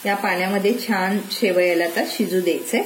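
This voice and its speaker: Woman, cooking host, calm step-by-step instructions, echoey kitchen, faint hiss, pots clinking. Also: mid-range voice, fairly quick. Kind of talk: recipe narration.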